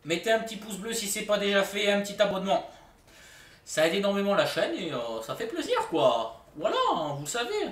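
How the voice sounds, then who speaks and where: A man's voice: high voice, sing-song, a little fast, a bit bright, roomy sound, recorded from a distance. A man streaming a shooter game, chatting casually with his viewers and joking in mock outrage. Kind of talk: casual live-stream commentary.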